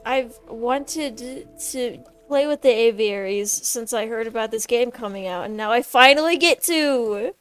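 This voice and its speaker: Excitable high-voiced woman gamer. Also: a little slow, few pauses, clear, resonant tone, soft background music. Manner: excitable, squealing, chatty. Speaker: gameplay streamer. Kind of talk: casual gameplay commentary.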